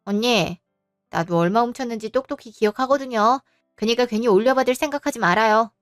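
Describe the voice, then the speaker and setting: A spoiled young sister-in-law whines and sulks defensively, played by a woman. The voice is high and bright with a dry close sound, and music sits faintly under it. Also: brisk, dry recording, close to an everyday voice. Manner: whiny, sulky and defensive.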